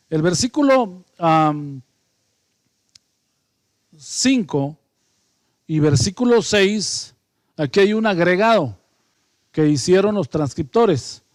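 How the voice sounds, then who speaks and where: High-voiced Guatemalan Bible teacher. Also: male voice, a little mellow, no room sound, studio quality. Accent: Guatemalan Spanish. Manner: reads scripture aloud, then explains it in a conversational teaching tone; hesitant, with frequent fillers and self-corrections. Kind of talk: Bible study lecture.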